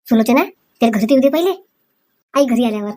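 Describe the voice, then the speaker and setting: A woman acting in a comic village sketch, talking briskly and scolding. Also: on the high side, dark tone, a little hiss or hum.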